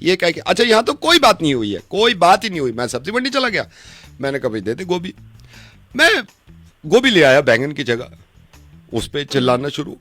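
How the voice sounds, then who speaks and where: A man's voice: on the high side, very animated, a little fast, fairly bright tone, no room sound, faint music behind. A man making a radio prank call, griping and arguing heatedly over the phone. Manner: aggrieved complaining that turns into heated arguing.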